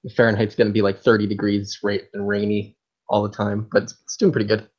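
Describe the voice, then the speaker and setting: A young man from Chile, a guest on a podcast. He talks in a relaxed, chatty way and leans on "like" a lot. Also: fairly low pitch, brisk. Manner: relaxed, chatty, uses "like" often. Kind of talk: casual remote podcast chat. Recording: dull lo-fi remote call audio.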